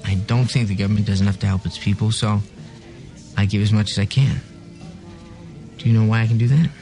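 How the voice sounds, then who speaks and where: Blunt dying rich guy, Boston edge, gravelly and quiet, music behind. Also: on the low side, steady tone, brisk. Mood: defiant. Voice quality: soft-spoken, hard to hear. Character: dying rich businessman, blunt, defiant man. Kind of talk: TV drama dialogue. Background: bar sounds and music.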